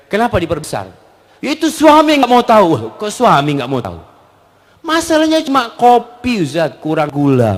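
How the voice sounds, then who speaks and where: A male Indonesian preacher giving an animated sermon with questions and answers, acting out wives and husbands and dropping in Arabic phrases. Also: high voice. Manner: animated, acts out wives and husbands in quoted voices; mixes Arabic phrases into his talk.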